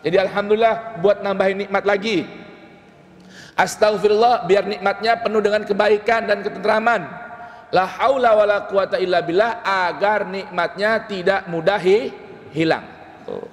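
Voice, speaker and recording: Guy preaching, chants arabic bits, kinda high voice, echoey mosque hall. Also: fairly even intonation, moderate pace. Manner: chants Arabic phrases, jokes with the congregation. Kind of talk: lively dawn sermon.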